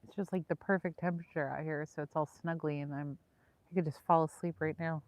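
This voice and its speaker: A Southern Californian woman with a low, steady, slightly mellow voice talks fast as she hosts a livestream beside a lake. She chats casually with viewers in an easygoing, rambling way, with no echo in the audio.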